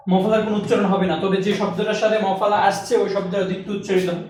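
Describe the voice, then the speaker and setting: In a racing, flat delivery, a man with a high, slightly mellow voice leads a language class, explaining each step and fielding his own questions. The recording comes from a distance in an echoey room, with slight background noise.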